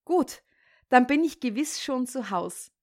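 A woman's voice: sits high, animated, a little slow, full character voice. Woman doing a silly naive village wife. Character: silly dim-witted young village wife.

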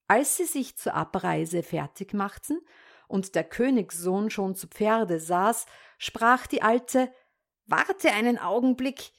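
Woman reading old fairy tales aloud, really slow and calm, mid voice. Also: mid-range voice. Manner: calm, measured narration. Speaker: storyteller.

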